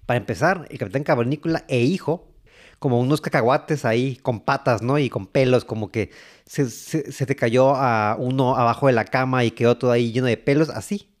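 A man with a Mexican accent giving casual, rambling commentary, halting and repeating words. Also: medium pitch. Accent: Mexican Spanish. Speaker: host. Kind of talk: casual commentary on old cartoons.

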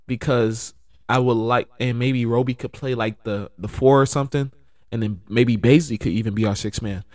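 A man in casual sports chat, rambling and relaxed, with lots of fillers and bursts of excited laughter. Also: mid-range voice, no echo, studio quality.

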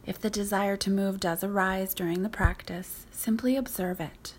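Speaking softly and breathily, often nearly in a whisper, a female teacher leads a yoga nidra meditation in a soothing, unhurried, gently instructive manner. Her pitch is medium and her intonation fairly even, with a faint hiss or hum in the background.

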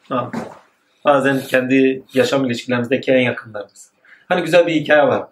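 A man giving a spoken religious lecture, rising emphatically and then dropping to low asides. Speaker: religious teacher. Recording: echoey room with faint noise.

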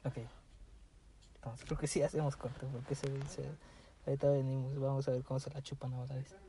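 A man's voice: mid-range voice, little pitch movement, brisk, mellow, recorded from a distance, slight background noise, low-quality recording. A Mexican man hosting a podcast, joking crudely and steering the talk to breaks. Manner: steers the show, cuts to breaks. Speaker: podcast host. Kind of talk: crude casual banter.

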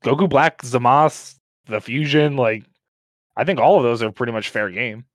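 Young dude, frat bro talk, swears a lot, just chatting games, dry close sound. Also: male voice, mid-range voice, moderate pace, no room sound. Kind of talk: casual group chat about games and anime.

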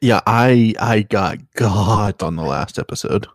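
Rambling low-voiced male co-host. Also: unhurried, no echo, clean studio sound. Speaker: podcast co-host. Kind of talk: casual chat.

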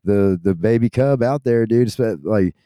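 Deep-voiced man in a rambling, profane rant. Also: a little slow, warm tone, clean tone, no room sound, studio quality. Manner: rambling, heavy swearing and fillers. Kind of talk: casual rant.

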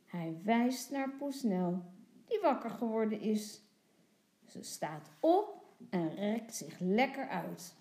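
Slow, soft-spoken storybook reader, a woman. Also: medium pitch, animated. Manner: soft, hushed at times. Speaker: teacher reading aloud. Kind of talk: children's storybook reading.

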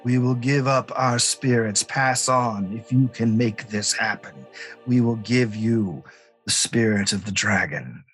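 A man voicing an ancient, grieving dragon ghost in a tabletop game, with a slow, solemn dragon voice that is grave and vengeful. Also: lowish voice, a bit bright, faint music behind.

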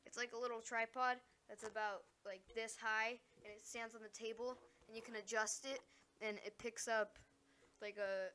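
A woman hosting a casual solo podcast, rambling and distracted, breaking into excited exclamations. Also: on the high side, moderate pace, slight background noise. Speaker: podcast host.

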